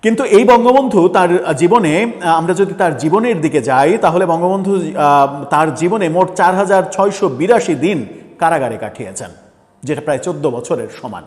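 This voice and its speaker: Earnest halting male commentator with reverb. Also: on the high side, animated. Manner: halting, many filler sounds and restarts, earnest and pressing. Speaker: political commentator. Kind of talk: political commentary monologue.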